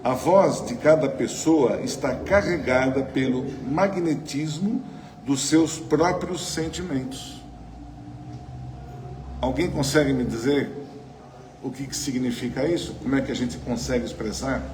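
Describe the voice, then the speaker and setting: A man's voice: medium pitch, measured pace. Brazilian guy leading a spiritual study group on a mic, keeps asking the room stuff, big echoey hall. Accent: Brazilian Portuguese. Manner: chatty, asks the audience questions, frequent tag questions. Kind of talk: conversational spiritual talk to a live group. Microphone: microphone. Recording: roomy hall with faint noise.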